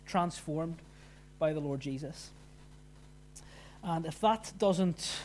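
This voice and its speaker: A man preaching a sermon, explaining scripture in an informal, conversational way with pauses. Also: a little high, darkish tone, a little hiss or hum.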